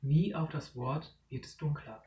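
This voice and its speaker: Storybook narrator, measured reading, roomy and far from the mic. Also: mid-range voice, dark tone. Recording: echoey room, distant mic, faint noise.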